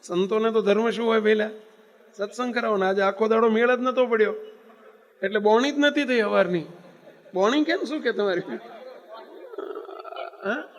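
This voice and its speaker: A man's voice: sits high, moderate pace, pauses often, lo-fi sound, a little hiss or hum. A man preaching, telling a story in an emphatic sermon manner and throwing rhetorical questions at his listeners. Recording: long hall reverb.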